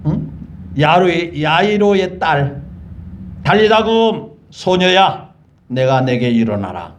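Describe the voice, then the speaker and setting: Preacher doing a steady, commanding Jesus, slow and low. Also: male voice, muffled recording, a little hiss or hum. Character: Jesus, calm and assured, speaking with authority.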